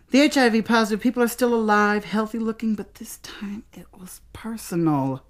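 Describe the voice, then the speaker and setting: With a low, slightly mellow voice, an American woman tells a story as dramatic spoken word. She delivers it theatrically, leaning on deliberate pauses and emphasis.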